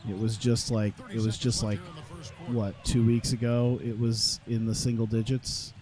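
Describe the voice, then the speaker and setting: This gaming YouTuber's voice is lowish and warm, with a level tone and a slightly slow pace. Playing a video game at his home computer, he gives loose, casual commentary full of fillers, sounding blocked up from his sinuses.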